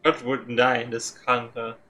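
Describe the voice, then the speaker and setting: A male streamer reads a game's story aloud for his viewers. The tone is bright and forward, chatty and easy. Faint music hums beneath him. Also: mid-range voice, little pitch movement, moderate pace. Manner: chatty, laughing at his own slips. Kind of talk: reading game text aloud on stream.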